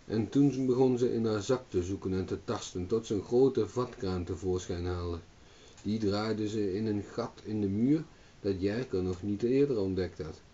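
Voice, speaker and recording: A man reading a fairy tale aloud as a storyteller, in calm steady narration, on a dull distant recording. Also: lowish voice, normal speed.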